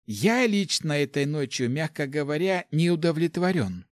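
A man's voice: on the high side, very animated, moderate pace, no room sound, voice pushed up. A man voicing a young male mage who sighs and talks wryly. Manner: sighing, wry.

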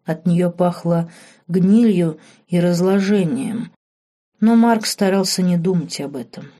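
A woman narrating a fantasy novel audiobook in a steady storytelling manner. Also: fairly low pitch, unhurried. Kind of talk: scripted narration.

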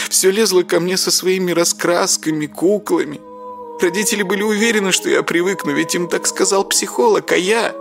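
A man's voice: fairly high pitch, gravelly, fairly bright tone. A man voicing a terrified, tearful young woman who stammers and sobs. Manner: sobbing, stammering. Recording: music bed behind voice.

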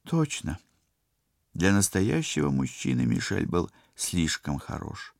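A young woman on a spaceship crew, skeptical and quick to take offense, voiced by a man reading an audiobook. Her lines sit up high and come out emphatic. A faint gravel runs under the tone, and the recording is close and dry. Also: wildly swooping pitch, no echo, heavily acted. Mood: sheepish. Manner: indignant, emphatic.

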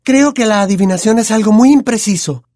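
A man's voice: high voice, fairly quick, darkish tone, dry recording, clean studio sound, pitched above the performer's own voice, close to an everyday voice. A man voicing a bossy, prim know-it-all teenage girl with a Latin American Spanish accent, speaking in a precise, self-assured way. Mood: superior, calm.

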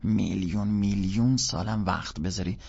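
A man narrating a first-person audiobook in a casual, colloquial storytelling manner, with a gravelly, husky voice. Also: on the low side, steady tone, a little mellow, dull audio.

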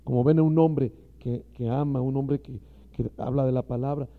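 A man's voice: medium pitch, fairly even intonation, normal speed, long reverb tail. A man preaching a sermon to fellow ministers, impassioned and speaking straight to his listeners. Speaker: pastor. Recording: dull lo-fi recording.

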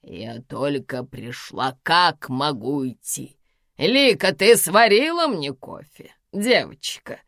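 A woman reading an audiobook, voicing a domineering elderly woman of eighty-two who scolds in slow, drawn-out, commanding phrases. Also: deep voice, expressive, a bit bright, no room sound, clean studio sound, exaggerated voice. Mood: scolding, domineering. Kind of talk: audiobook character voice.

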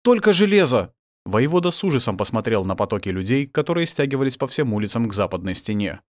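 A man reads an audiobook with dramatic expression and a lively, varied pitch. The sound is dry and close, with no room around it. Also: fast, no room sound. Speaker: audiobook narrator. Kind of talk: scripted narration.

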